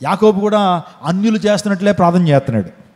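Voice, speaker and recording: Male pastor, high mellow voice, sermon delivery full of rhetorical questions, echoing church hall. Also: expressive, quick pace. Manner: preaching with rhetorical questions, acting out cries.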